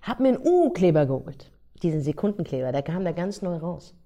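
A young woman telling a party story in casual podcast chat, slangy and animated, acting out her friends' voices. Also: on the low side, fairly quick.

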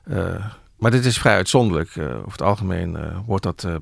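A middle-aged male journalist explaining things in conversation, thoughtful and often pausing with hesitations and restarts. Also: low voice, animated, vocal fry, no room sound, studio quality. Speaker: journalist guest.

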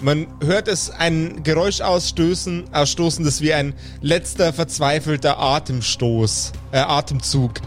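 A man with a slightly high voice narrates an improvised tabletop game as its game master, calmly describing the action in detail as he invents it and barely pausing. Background music plays behind him throughout.

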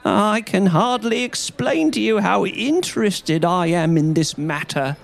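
Timid little man, high quavering whine, read by a man. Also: sing-song, slow pace, exaggerated voice. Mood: eager. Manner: whining, quavering. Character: small cringing rat-faced man, nervous.

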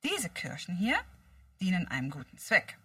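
A woman voicing a clever boy who leads a detective gang, calm and know-it-all. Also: on the low side, moderate pace, slightly rough, dry recording, clean studio sound, heavily acted. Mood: explaining. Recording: distant mic.

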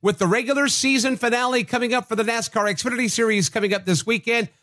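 A man's voice: very high voice, fairly even intonation, quick pace, pushed and bright. A man hosting a sports radio show, presenting from a script.

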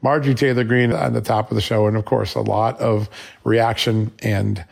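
A man hosts a political news commentary show, his voice on the low side, steady, gravelly and husky at normal speed. Slightly scratchy from the flu, he makes his points emphatically with short, punchy questions.

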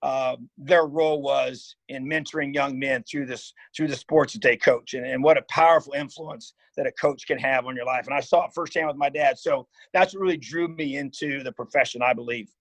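A medium-pitched, fairly even voice moves briskly with few pauses as an Indiana football coach in his fifties tells his life story. Appearing as a guest in a casual interview, the head coach rambles earnestly with many restarts and "you know"s, on a rough recording with no echo.

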